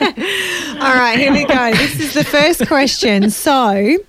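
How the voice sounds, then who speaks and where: A woman's voice: high-pitched, lively intonation, crowd noise. A woman co-hosting a radio show, giggling and drawing out quiz questions. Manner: giggly, drawn-out quiz host delivery. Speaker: radio co-host. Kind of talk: breakfast radio banter. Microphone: studio microphone.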